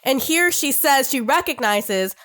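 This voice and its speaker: A woman co-hosting a casual comics podcast, talking warmly and emotionally and laughing often. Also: sits high, lively intonation, unhurried. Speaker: podcast co-host. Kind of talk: casual chat about comics.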